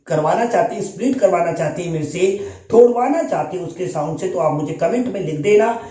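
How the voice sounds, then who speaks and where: High-voiced Hindi English teacher, echoey room. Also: male voice, dark tone. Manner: explains slowly and repeats each word part. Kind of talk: spoken lesson.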